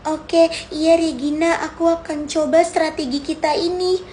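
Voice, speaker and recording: A woman voicing a timid, fearful young woman who talks hesitantly and softly in a homemade drama. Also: high voice, steady tone, measured pace, slight background noise. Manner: hesitant, soft and pleading.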